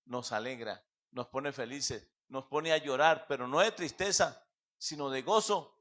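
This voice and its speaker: A man preaching with a Colombian accent in a church, then leading a prayer, fervent, with his loudness swelling and fading. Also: medium pitch, a little slow. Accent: Colombian Spanish. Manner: addresses listeners as brother. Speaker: pastor. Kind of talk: sermon and closing prayer.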